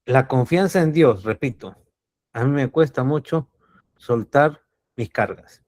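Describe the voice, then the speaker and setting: A man's voice: medium pitch, a little slow, a little mellow. A man from Cuba, giving a reflective spiritual teaching talk as a coach. He speaks earnestly, repeats his key words and asks rhetorical questions.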